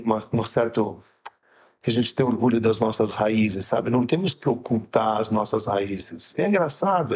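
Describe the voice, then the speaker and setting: A man, a rabbi chatting casually on a podcast. He tells stories with energy and jumps up into high, shouted voices when he acts out what people said. His voice sits at an ordinary middle pitch for a man. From Brazil. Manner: lively storyteller who acts out dialogue with sudden high shouts.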